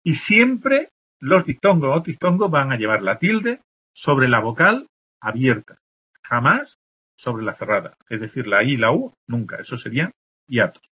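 A male teacher from explains the rules for written marks, saying example words slowly and checking in with the class again and again. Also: medium pitch, sing-song, pushed and bright, breathy edge. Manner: explains patiently, checks in with constant "¿de acuerdo?". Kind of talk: spelling lesson explaining accent marks. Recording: dull lo-fi recording.

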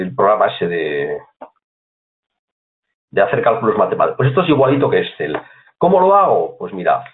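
Male tutor, chatty and repetitive, with a lively up-and-down delivery. Thin phone-quality audio. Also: mid-range voice. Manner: chatty, repeats points, asks "¿vale?" often. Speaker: computer course teacher. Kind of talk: screen-recorded software tutorial.

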